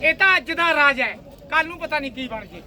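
A man with a Punjabi accent brokering loudly at an outdoor livestock market, with theatrical, teasing, rhyming banter. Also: very high-pitched, lively intonation, a little fast, slight background noise. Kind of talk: loud haggling banter at a market. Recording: busy outdoor market crowd and vehicles.

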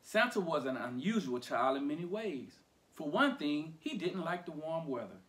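A man reading a children's picture book aloud for storytime, playful and animated. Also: fairly high pitch, moderate pace.

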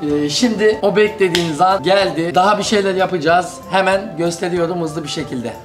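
A high-pitched man talks his viewers through his gameplay, getting loud and cursing whenever opponents show up. His voice rings in a roomy space, and loud music plays underneath. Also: fairly quick. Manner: excitable, shouts and curses at opponents mid-game. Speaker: gaming YouTuber. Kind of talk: casual gaming commentary to viewers.

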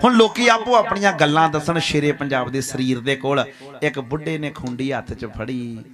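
A man's voice: fairly high pitch, normal speed, crowd noise. A man narrating a religious history story dramatically, repeating phrases for weight.

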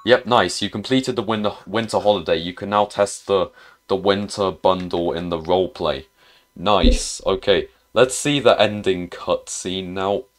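A man's voice: deep voice, measured pace. A man giving casual gameplay commentary as a gaming YouTuber, muttering hesitantly to himself with frequent restarts.

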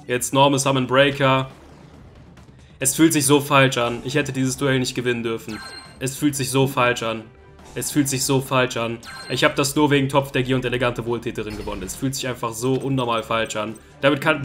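A young man hosting a gaming video, giving excitable, exasperated commentary and repeating his phrases over and over. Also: mid-range voice. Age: young adult. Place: indoor gaming room on camera. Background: game music.

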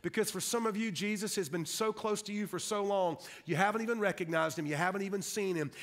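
Guy preaching, high voice, gets all fired up. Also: fast, a bit bright. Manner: impassioned, fired up. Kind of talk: sermon.

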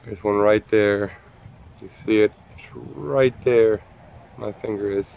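A backyard chicken keeper films his flock outdoors, narrating a casual home video in an offhand, chatty way and explaining things plainly. His voice is lowish, steady, slow, creaky and a little mellow.

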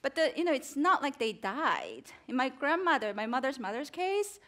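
A woman's voice: high-pitched, sing-song, moderate pace, a bit bright. Earnest South Korea-born woman on stage. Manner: earnest, thoughtful, with fillers and restarts. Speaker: guest author. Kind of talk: onstage interview. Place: large theater stage with audience. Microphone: headset mic.

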